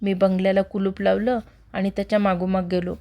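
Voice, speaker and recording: A woman reading a horror story aloud in a steady, measured narrating voice. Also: mid-range voice. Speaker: story reader.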